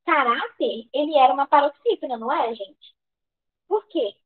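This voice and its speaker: A Brazilian woman with a high voice teaches grammar for an exam. She asks questions and answers them herself, often restarting her sentences. The recording sounds dull and lo-fi. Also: lively intonation, normal speed. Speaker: exam prep tutor. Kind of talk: online grammar lesson.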